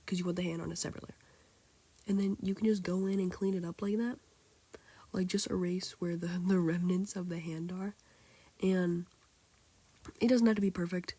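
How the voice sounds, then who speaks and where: A sick teenage girl with a hoarse, childlike-sounding voice, rambling casually through a drawing tutorial with lots of fillers. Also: fairly low pitch, a little mellow. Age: teens. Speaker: tutorial maker. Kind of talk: casual screen-recorded tutorial.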